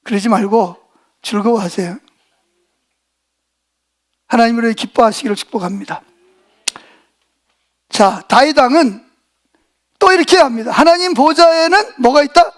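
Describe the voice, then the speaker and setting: A middle-aged man preaching a sermon in a notably high voice. He talks in a folksy, blunt, joking way, constantly firing questions at the congregation and waiting for them to answer back. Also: moderate pace, long pauses. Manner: call-and-response preaching, asking the congregation questions. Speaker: pastor.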